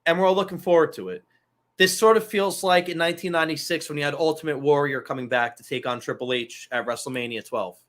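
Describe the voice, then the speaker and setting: A man's voice: on the high side, fast talker, fairly bright tone. A man hosting a casual wrestling talk show, loose and profane, rambling through asides. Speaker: podcast host.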